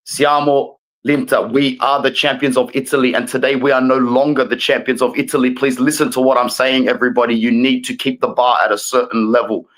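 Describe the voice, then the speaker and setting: Appearing as a guest fan, a man launches into a passionate rant, calm on the surface yet hammering every point as he lectures the other fans. He talks a little fast at a medium pitch with few pauses, and the audio is poor.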